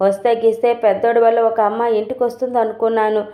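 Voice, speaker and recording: A woman's voice: on the high side, level tone, very fast, mellow, lightly acted. Woman reading a grumbling, sarcastic old father. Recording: tinny, roomy phone-like recording.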